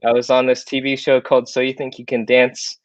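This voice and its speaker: A man's voice: medium pitch, monotone, fairly quick, no echo, highs cut off. A young man giving a casual webinar presentation in a chatty, upbeat way with plenty of fillers. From born in South Korea, raised in Iowa, USA. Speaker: guest presenter.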